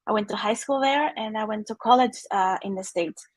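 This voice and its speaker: A woman from Chile, a native Spanish speaker, telling her story as a guest artist over a video call, halting with many fillers and restarts. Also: mid-range voice, dry recording. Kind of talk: casual personal talk. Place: home studio with art on the walls.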